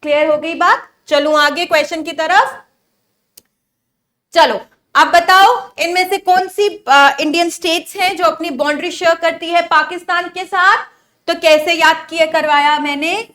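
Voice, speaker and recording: A woman teaching an exam-prep lesson, repeating memory tricks and checking with quick questions whether her students follow. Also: very high voice, fairly even intonation, pushed and bright. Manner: mixes English phrases into Hindi teaching.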